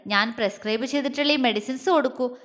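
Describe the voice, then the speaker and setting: A woman's voice: high-pitched, fast, fairly bright tone. A woman voicing a middle-aged woman doctor who gives advice in a matter-of-fact way. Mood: calm. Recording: long reverb.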